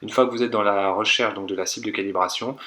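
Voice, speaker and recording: A man calmly walking viewers through a technical car procedure step by step, repeating instructions and hedging his own interpretation. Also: lowish voice, fast. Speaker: car tech tutorial maker. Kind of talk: step-by-step voice-over tutorial.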